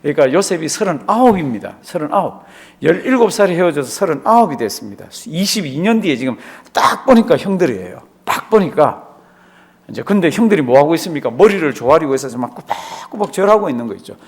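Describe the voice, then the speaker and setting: A man's voice: a little high, sing-song, quick pace, creaky, breathy edge. A man, a pastor, teaching a Bible study class, asking the class questions, answering them himself and repeating key words for emphasis. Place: church classroom.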